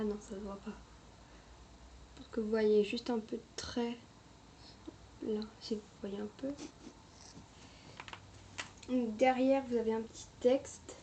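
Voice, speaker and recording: Woman chatting thru a makeup review, kinda high mellow voice, says sorry a lot, faint hiss. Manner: chatty, hesitant, apologizing often. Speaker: beauty vlogger.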